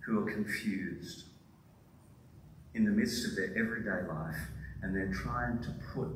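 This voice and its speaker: A man's voice: unhurried, slight background noise. Man preaching in an echoey church. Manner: conversational, acts out disciples' voices with sudden high exclamations. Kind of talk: sermon. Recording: roomy echo, distant from mic, faint ambience.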